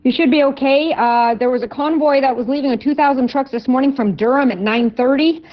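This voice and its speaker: Lady dispatcher on a cb walkie talkie, kinda high voice, lo-fi muffled radio sound, repeats directions carefully. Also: fairly quick. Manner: clear, methodical, repeats directions, ends with "over". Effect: over CB walkie-talkie radio. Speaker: convoy dispatcher. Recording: lo-fi radio transmission.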